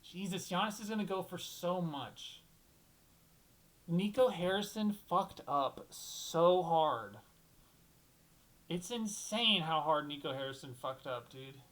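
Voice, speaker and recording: A man's voice: fairly high pitch, animated, slow, a bit bright, rough recording. A young man hosting a solo basketball talk show, rambling and thinking aloud, restarting sentences and swearing casually.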